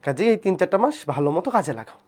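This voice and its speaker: Feverish soft-spoken Bangladeshi math teacher. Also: mid-range voice, sing-song, racing. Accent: Bangladeshi Bengali. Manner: keeps checking in with students. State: feverish, speaking softly. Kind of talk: live online class lecture.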